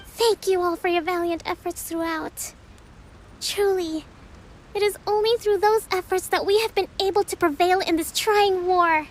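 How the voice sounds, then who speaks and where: A woman playing a gentle, earnest young female leader in a video game, speaking softly and politely in measured phrases. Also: extremely high pitch, slight background noise, poor audio. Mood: solemn, rallying.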